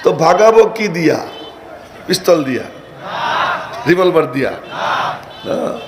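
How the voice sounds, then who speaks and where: A male Islamic preacher gives a sermon, swinging from loud declaiming to quiet asides to the crowd and chanting verses slowly. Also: a little high, animated. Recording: echoey live sermon recording with faint noise.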